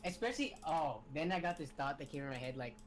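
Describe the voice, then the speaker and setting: A man co-hosting a casual livestream chat over a voice call, relaxed and easygoing, often trailing off with fillers. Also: a little high, fast, a crowd in the background. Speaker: co-host. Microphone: computer mic over a voice call. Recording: noisy voice-call audio.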